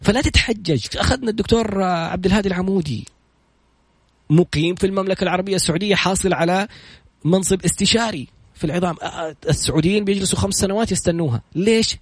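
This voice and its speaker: A man with a Saudi accent telling stories in a motivational talk, retelling what others said with quick, animated delivery. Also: high voice, slightly rough, dry recording. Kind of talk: motivational storytelling monologue.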